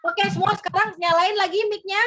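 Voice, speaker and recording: A woman's voice: extremely high pitch, fairly even intonation, brisk. A woman teacher leads young children on a virtual field trip over a video call. She sounds cheerful and coaxing, and ends nearly every phrase with a questioning "ya". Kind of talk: online lesson for young children. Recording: noisy online call audio.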